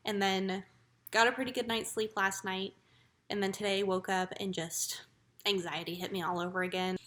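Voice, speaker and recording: Casting: woman, casual vlogger, mid-pitched and level in intonation, reflective and plain-spoken. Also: fairly bright tone. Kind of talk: casual personal vlog.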